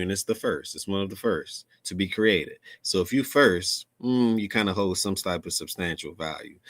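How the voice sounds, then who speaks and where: Deep-voiced man hosting a chatty crypto stream. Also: a bit bright, no room sound. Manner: loose and chatty, many fillers and repeats. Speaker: crypto channel host. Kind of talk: casual livestream commentary.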